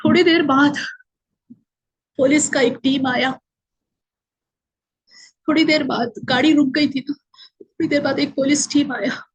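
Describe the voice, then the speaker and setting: High-voiced woman giving an emotional testimony. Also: steady tone, measured pace, pauses often, lo-fi sound. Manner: emotional, acts out the quoted voices; Hindi mixed with English words. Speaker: testimony speaker. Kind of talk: personal testimony storytelling.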